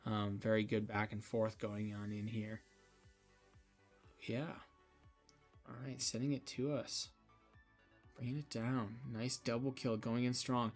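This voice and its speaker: A man's voice: on the low side, level tone, a little slow, long pauses, faint music behind. A young man casting a college esports match in casual, rambling commentary, sleepy and yawning, with lots of fillers and restarts. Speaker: esports caster.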